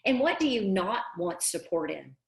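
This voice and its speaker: A woman's voice: mid-range voice, sing-song, normal speed, creaky. A middle-aged woman coaching parents in a live online class, earnest and emphatic, repeating words for stress. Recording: echoey room.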